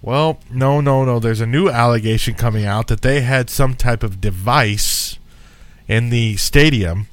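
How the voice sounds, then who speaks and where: A man's voice: medium pitch, a little slow, dry recording. A man hosting a casual talk radio show, chatty and easygoing with lots of filler words. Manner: easygoing, chatty, laughs often, many fillers.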